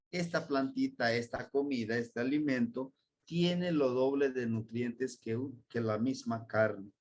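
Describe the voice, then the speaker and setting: A man's voice: a little high, a little mellow. A man from Mexico with a Mexican Spanish accent, teaching a language class and patiently spelling out sounds and words. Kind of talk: slow classroom explanation.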